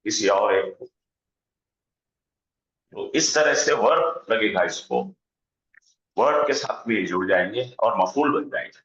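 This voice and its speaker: A man teaching an online Arabic grammar lesson, slowly drilling word forms aloud on a video call. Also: on the low side, expressive, a bit bright. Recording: dull echoey room sound.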